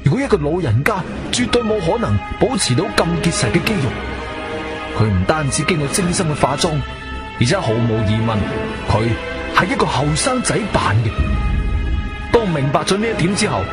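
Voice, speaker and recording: In a gripping, suspenseful Cantonese radio drama, the narrator and lead actor plays a shrewd, firm adventurer hero who questions like an investigator, telling his own story in the first person. His voice is a little high for a man, swinging widely with emphatic, expressive delivery at a moderate pace, over prominent background music.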